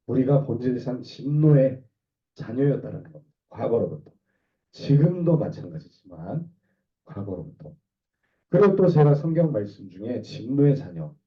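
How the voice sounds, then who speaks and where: A hoarse man preaching a sermon as a pastor, talking with the congregation and putting questions to them. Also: mid-range voice, recorded from a distance, muffled recording. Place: small church hall.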